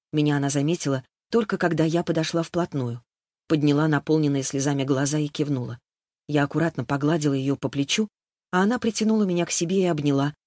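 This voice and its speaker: A woman reading an audiobook in first person, with even storytelling narration. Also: low voice, dry recording, studio quality.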